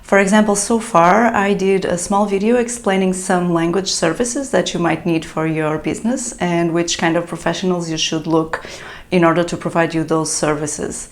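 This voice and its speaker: A translator whose native language is European Portuguese talks straight to the camera in a casual solo vlog, offering business tips. Her voice is on the low side, with fairly even intonation and a normal speed, and she often uses fillers and restarts.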